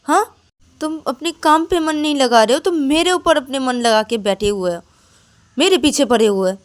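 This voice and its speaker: A lonely, anxious young woman who misses everyone at home. Her voice goes from quiet and hesitant to high, sharp scolding, as a woman storyteller puts her on. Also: fairly even intonation, normal speed, lightly acted. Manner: pleading, rises to sharp scolding. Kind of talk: storybook narration.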